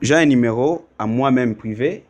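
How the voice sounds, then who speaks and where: A man's voice: medium pitch, moderate pace, slight background noise. A man from Congo, a musician, talking about his music in a casual interview, thinking aloud with many fillers. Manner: thoughtful, explains at length with fillers. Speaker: musician guest.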